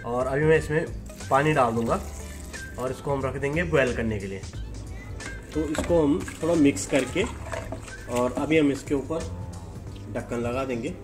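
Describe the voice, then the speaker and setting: A man's voice: mid-range voice, moderate pace, long pauses, over music. A man, a chef, explaining a recipe step by step in a kitchen cooking demonstration.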